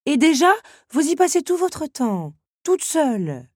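A woman reading a storybook voices a worried, motherly female teapot that fusses and gently scolds, with a husky voice. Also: fairly low pitch, expressive, moderate pace, no echo, studio quality, voice pushed up. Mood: scolding.

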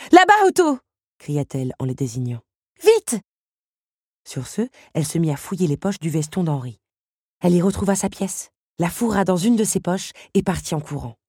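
A woman reads an audiobook in a steady, measured voice. Her tone sits low and slightly husky. The recording is dry and close. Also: no room sound. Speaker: audiobook narrator. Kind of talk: scripted audiobook narration.

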